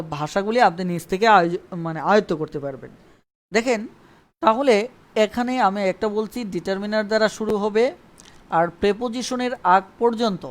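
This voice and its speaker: A man teaching an online English grammar lesson live. He repeats points and keeps checking that viewers understand. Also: high voice. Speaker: English tutor.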